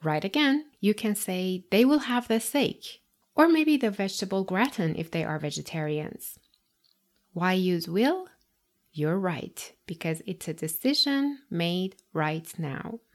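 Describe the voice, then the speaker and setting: A woman teaching a scripted podcast lesson, addressing the listener directly with guiding questions and pauses. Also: mid-range voice, expressive. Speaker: English teacher and podcast host.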